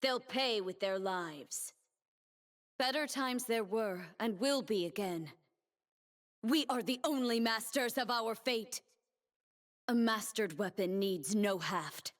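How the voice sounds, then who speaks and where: For a video game, an actress plays a proud, commanding warrior dancer defending her homeland, delivering solemn, measured lines with grim resolve. Her voice is fairly high in pitch and sounds as if in a large hall.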